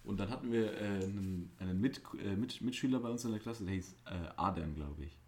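Low-voiced joking young man. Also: fairly quick, darkish tone. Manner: joking, storytelling, self-styled class clown. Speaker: podcast co-host. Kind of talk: casual chat.

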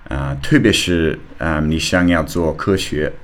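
Deep-voiced foreign man speaking slow Mandarin. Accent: foreign, non-native Mandarin. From Australia. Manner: halting, searching for words, simple learner phrasing. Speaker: podcast host. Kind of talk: casual personal monologue.

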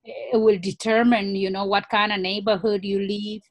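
Interview guest, woman, mid-pitched and reflective. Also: flat delivery, moderate pace, no echo. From Africa. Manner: earnest, reflective, many "you know" fillers. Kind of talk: conversational interview.

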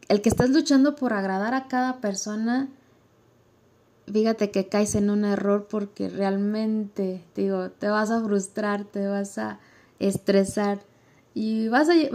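Young woman church leader; relaxed, warm devotional talk, conversational, echoes her own phrases. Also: medium pitch. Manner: conversational, repeats phrases for emphasis.

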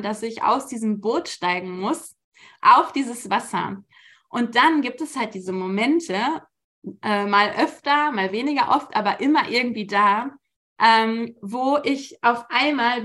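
Relaxed colloquial woman giving a devotional talk. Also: a little high. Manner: colloquial, relaxed, frequent "ähm" fillers. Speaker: church speaker.

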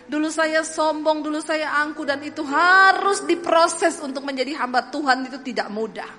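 In an echoey hall with faint music and a little hiss or hum, a high-voiced Sulawesi woman from Indonesia preaches at normal speed. She weaves funny personal stories into her sermon, animatedly playing out the dialogue and laughing at her own tales.

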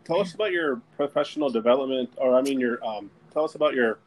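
A man's voice: medium pitch, fast, poor audio. A man hosting a casual chat, asking questions with many hesitations. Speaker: interviewer.

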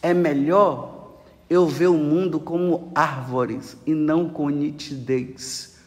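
Brazilian male preacher, high lively voice, sermon in an echoey church hall. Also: slow pace. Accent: Brazilian Portuguese. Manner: animated, acts out dialogues with rhetorical questions.

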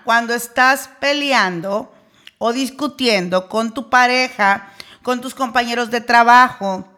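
Woman coach w/ a high voice, punchy motivational talk, fires off questions. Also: fairly bright tone. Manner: emphatic, rhetorical questions.

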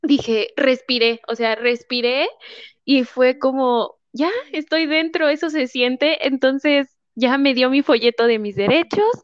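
Young Mexican woman, animated storyteller, quotes people in voices; slightly high, dry, muffled. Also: a little slow, clean tone, no room sound. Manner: lively storyteller acting out quotes. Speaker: guest. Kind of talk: casual interview chat. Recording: muffled lo-fi audio.

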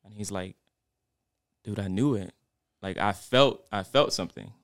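A man's voice: fairly low pitch, a little slow, a bit bright, dry recording, clean studio sound. A young man co-hosting a podcast, telling a personal story in a reflective, rambling way with lots of fillers. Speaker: podcast co-host. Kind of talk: casual podcast chat.

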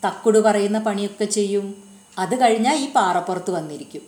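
A woman's voice: medium pitch, moderate pace, darkish tone, lightly acted. A woman voicing a friendly robot crow helper, answering simply and plainly. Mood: matter-of-fact. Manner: simple, matter-of-fact replies. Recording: roomy echo.

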